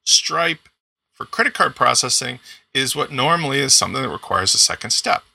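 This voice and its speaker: A man in his forties giving an upbeat, enthusiastic walkthrough of payment software in a screen-recorded tutorial. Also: mid-range voice, animated, moderate pace, gravelly. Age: 40s. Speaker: software demo presenter.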